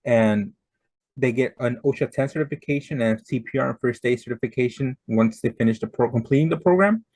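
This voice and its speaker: A man's voice: medium pitch, a little fast, darkish tone, no echo. Casual young man introducing himself. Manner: casual, listing. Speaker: outreach coordinator. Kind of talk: panel introduction.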